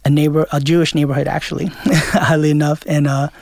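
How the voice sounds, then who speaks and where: A man talks through an interview in a loose, rambling way, circling back with fillers and restarts. His voice sits fairly high and stays level, with little rise and fall. The sound is dry and close, with no room around it. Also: little pitch movement, fast talker, creaky, darkish tone, no echo. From Queens, New York. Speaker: DJ guest. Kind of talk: casual interview chat.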